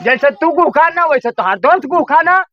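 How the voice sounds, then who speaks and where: A dull, dry recording carries a man playing a stubborn old village father from an Awadhi comedy skit. His voice is strikingly high, and he scolds bluntly, repeating himself in a thick rural Awadhi accent. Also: expressive, normal speed, no room sound. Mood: grumbling, sarcastic. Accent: Awadhi, eastern Uttar Pradesh. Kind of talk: amateur village comedy sketch.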